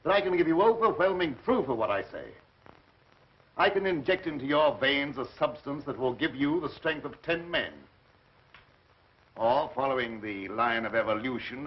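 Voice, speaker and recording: Muffled, husky mad scientist, menacingly polite. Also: male voice, fairly low pitch. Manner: formal, theatrical, menacingly polite. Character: resentful, grandiose mad scientist, an older man. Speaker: film actor. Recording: muffled old film soundtrack.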